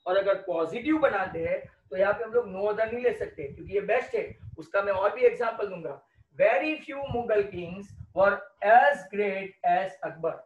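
Slow, high-voiced Indian grammar teacher. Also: male voice, lively intonation. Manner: slow, explaining, asks the class questions then answers them. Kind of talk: classroom grammar lesson in Hindi and English. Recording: roomy, distant, dull lo-fi sound.

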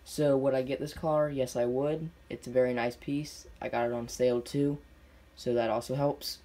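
A man's voice: mid-range voice, fairly even intonation, moderate pace, dark tone. A young man giving casual unboxing video commentary in plain, unscripted, short clipped phrases. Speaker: diecast collector reviewing on camera. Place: indoors at a tabletop display. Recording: noisy home recording with clicks.

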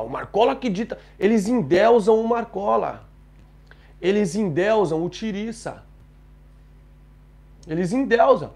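A man with a Brazilian accent ranting indignantly to viewers on a live stream, repeating himself and building to loud outbursts. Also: sits high, creaky. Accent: Brazilian Portuguese. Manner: indignant, repetitive, rising to shouting.

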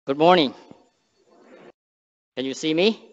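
Earnest young Cambodian-accented man preaching. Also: on the high side. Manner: earnest, halting non-native English with restarts and emphatic rises. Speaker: missionary speaker. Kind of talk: sermon with prayer. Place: large church sanctuary stage. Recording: long church reverb, dull sound.

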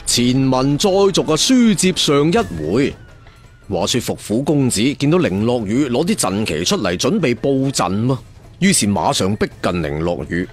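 Soft music plays behind a man whose medium-pitched voice has a sing-song lilt and a moderate pace. He performs a dramatic Cantonese audiobook, spinning the tale like a traditional serial storyteller and turning aside to address his audience.

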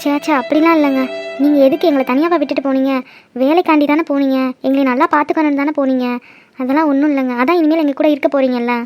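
Brief: cartoon village wife voiced by a woman, gentle, deferential, quick-talking. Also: sits high, fairly even intonation, faint music behind, close to an everyday voice. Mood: pleading. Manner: gentle, pleading, deferential to husband. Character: middle-aged village wife and mother. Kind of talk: cartoon drama voice acting.

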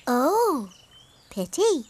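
A woman voicing a small, cheerful, curious mole sister in a children's cartoon, with a childlike, slow, sing-song delivery. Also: sits high, very animated, a little hiss or hum, full character voice. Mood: cheerful, musing. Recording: music behind the voice.

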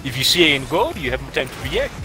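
A man chatting casually while playing a video game with friends, calling out plays excitedly and swearing. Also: medium pitch, fast, music in the background. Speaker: gamer. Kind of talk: casual gaming chat.

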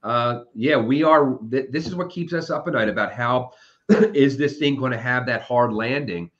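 A man gives analyst answers in an interview, talking things through aloud and restarting his sentences as he goes. His voice sits at a middling pitch. The recording sounds slightly dull and lo-fi. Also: a bit bright. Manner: quick, thinking-aloud delivery with frequent restarts. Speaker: automotive industry analyst.

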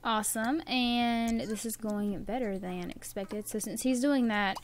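A woman's voice: on the high side, fairly even intonation, measured pace. Chatty Southern woman commentating a game. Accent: Southern American. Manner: chatty, coaxing, talks to game characters. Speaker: gameplay commentator. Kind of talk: casual let's-play commentary.

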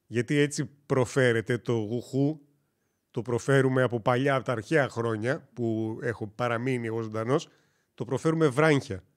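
A man from Greece chatting casually on a gaming live stream, rambling and joking as he tells stories and corrects himself. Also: medium pitch.

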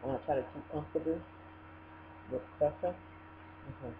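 A man talking while chewing in a casual eating vlog, mumbled and halting as he thinks aloud. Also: fairly high pitch. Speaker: vlogger. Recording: tinny phone-like audio with hum.

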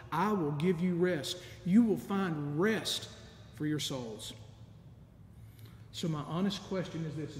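A middle-aged man gives a sermon as a deacon, his delivery earnest and measured, broken now and then by soft laughs. The setting is a large, empty church sanctuary, captured through a stand mic at the lectern with a distant camera, and the audio rings with long church reverb over a faint rumble.

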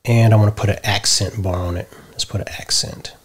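A middle-aged man explaining a software tutorial step by step from a home office, often checking in with "right?". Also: fairly low pitch, a little fast, husky. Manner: relaxed step-by-step explaining, tags lines with "right?". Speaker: tutorial host. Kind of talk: screen-share software tutorial.

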